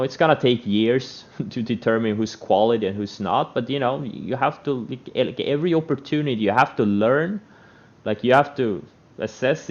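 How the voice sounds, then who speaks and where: A man giving an unscripted motivational trading rant, speaking in a blunt, emphatic and repetitive way. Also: medium pitch. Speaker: stock trader giving trading advice. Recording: dull, lo-fi microphone sound.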